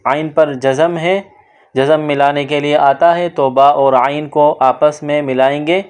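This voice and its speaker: A man teaching children to read the Quran, explaining each letter patiently and drawing syllables out slowly in recitation. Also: fairly high pitch, fairly even intonation, darkish tone, clear, resonant tone. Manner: slow, drawn-out syllable-by-syllable recitation between explanations. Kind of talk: step-by-step recitation lesson for kids.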